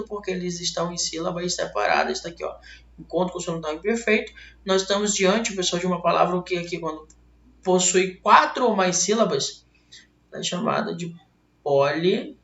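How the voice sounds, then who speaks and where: Teaching grammar online, this Brazilian man speaks at normal speed in a high-pitched, gravelly voice with a Brazilian Portuguese accent. He's lively and answers his own questions, and the laptop mic yields echoey, dull lo-fi webcam sound from a roomy space.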